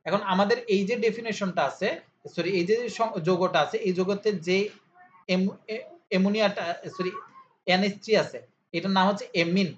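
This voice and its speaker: A man's voice: high voice, fairly even intonation, normal speed, pauses often. A male tutor in an informal lesson, asking questions and answering them himself, repeating key terms in drills. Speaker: chemistry tutor. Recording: slightly dull audio with faint hiss.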